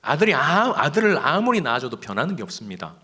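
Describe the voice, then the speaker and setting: Expressive male pastor preaching a sermon. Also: a little high, fast talker, slightly rough. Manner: expressive, swings from loud emphasis to soft whispers. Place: church sanctuary.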